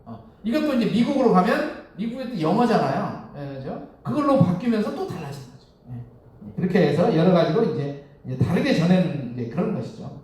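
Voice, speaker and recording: A man preaching a relaxed Sunday sermon, his voice fairly high and swinging widely in pitch as he quizzes the congregation and chuckles along the way. He is heard from a distance across a very echoey temple hall. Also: a little fast. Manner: conversational, asks the congregation questions, chuckles often. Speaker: Won Buddhist minister.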